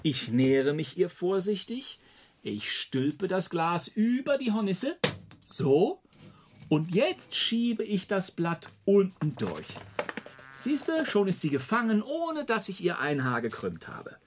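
A man's voice: high-pitched, wildly swooping pitch, normal speed, few pauses, background noise. A man playing a pedantic, smug, know-it-all father in a radio comedy sketch. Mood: instructive. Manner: lecturing, smug, over-precise. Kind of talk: scripted radio comedy acting.

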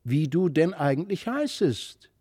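A man's voice: a little high, very animated, a little slow, dark tone, breathy edge, dry recording, clean studio sound, voice pushed up, exaggerated voice. A man voicing a curious, pleading little girl. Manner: pleading, tearful. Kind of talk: audiobook fairy-tale reading.

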